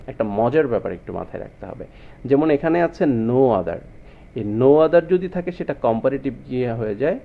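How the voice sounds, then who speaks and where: A man's voice: on the high side, narrow, tinny audio. A man teaching a grammar lesson to students, often asking them rhetorical questions. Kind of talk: explanatory lesson.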